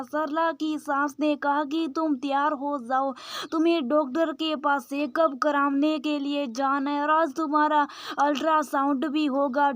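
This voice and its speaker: A woman narrating a moral story for a channel and reading every character's lines in her own soft, even voice. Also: sits high, no room sound, studio quality.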